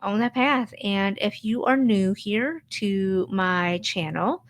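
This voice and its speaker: A woman's voice: mid-range voice, takes it slowly. A woman hosting her own channel, talking earnestly about standing up for yourself and repeating her key phrases for emphasis. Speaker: channel host. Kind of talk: personal motivational vlog.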